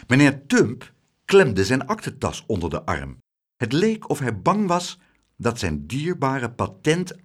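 A man narrating a children's storybook in an expressive, dramatic way. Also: lowish voice.

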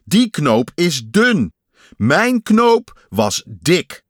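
A man's voice: medium pitch, big pitch swings, no room sound, studio quality. Man voicing grumpy storybook creature Pat. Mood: upset. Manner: complaining, slow insistent emphasis. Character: fussy grumbling male creature, button lost. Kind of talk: storybook voice acting.

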